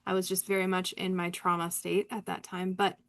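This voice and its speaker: A woman's voice: fairly low pitch, level tone, a little fast. Woman reader, casual live chat, rambling, candid, laughs a lot. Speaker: spiritual reader hosting a live session.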